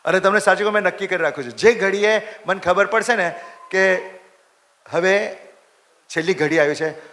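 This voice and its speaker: A priest gives a sermon. His voice is bright and sits a little high for a man. He repeats his lines for emphasis and questions his listeners directly. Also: moderate pace. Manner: animated, repeats phrases for emphasis, questions the congregation.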